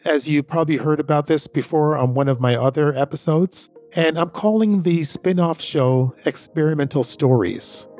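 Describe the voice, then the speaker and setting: A man's voice: a little high, moderate pace, few pauses, darkish tone, soft background music. A man hosting a story podcast, telling a personal anecdote in a casual, rambling way that repeats itself. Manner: rambling, repeats himself, conversational. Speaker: podcast host.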